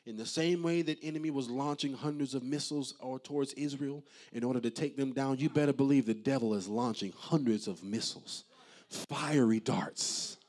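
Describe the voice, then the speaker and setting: A male pastor preaching a sermon in a church, impassioned and rhythmic, with repeated refrains. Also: medium pitch. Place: church sanctuary.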